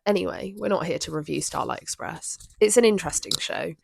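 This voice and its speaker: A woman's voice: lowish voice, a little fast, vocal fry, no room sound. A woman in her twenties with a Southern English accent, co-hosting a casual podcast chat, rambling and easily sidetracked. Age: 20s. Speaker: podcast co-host. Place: room with an open window.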